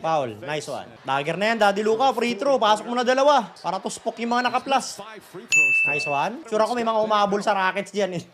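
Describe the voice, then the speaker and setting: A man giving excitable live watch-along commentary on a basketball game, bursting into shouts and swearing casually. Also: sits high, brisk, a loud crowd. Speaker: basketball fan streamer.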